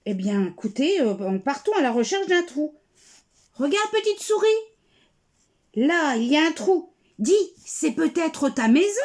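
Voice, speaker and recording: A woman telling a children's story aloud, gentle and coaxing. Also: high voice, sing-song, a little slow.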